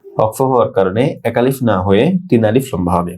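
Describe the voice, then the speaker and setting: A man with a Bangladeshi Bengali accent teaching tajweed, reciting each phrase slowly and then explaining how each letter is pronounced. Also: lowish voice, a little mellow. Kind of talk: tajweed lesson, word-by-word pronunciation.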